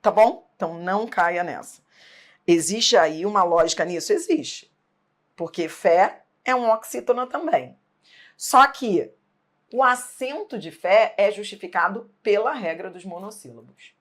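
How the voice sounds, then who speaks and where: A woman's voice: fairly low pitch, lively intonation, unhurried. A woman teaching an exam-prep grammar lesson, emphatic, asking rhetorical questions and checking in often.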